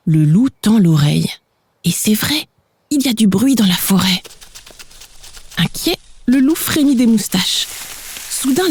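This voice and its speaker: A woman reading a children's story aloud in an expressive, animated way. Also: a little high, breathy edge.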